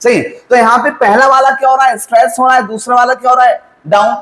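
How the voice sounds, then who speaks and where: A man's voice: very high voice, steady tone, fast talker, a bit bright, roomy sound, low-quality recording. A male teacher giving a lesson, quizzing students and answering his own questions, mixing Hindi with English terms. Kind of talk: classroom lecture.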